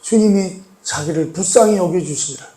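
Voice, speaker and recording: A man preaching a sermon as pastor. He asks the congregation questions, repeats key words, and moves between raised, emphatic lines and soft, hushed pleading. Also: high voice, moderate pace. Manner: addresses the congregation with rhetorical questions and repetition.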